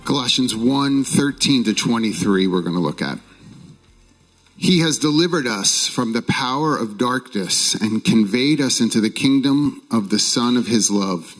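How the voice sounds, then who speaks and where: A man reading scripture aloud at a pulpit microphone in a measured, deliberate way. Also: medium pitch, rough recording. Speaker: scripture reader.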